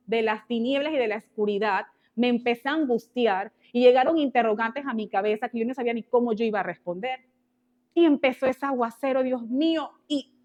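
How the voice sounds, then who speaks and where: A woman, teaching a women's ministry sermon through an animated personal story with exclamations and quoted prayers. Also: on the high side. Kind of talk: testimony-style sermon.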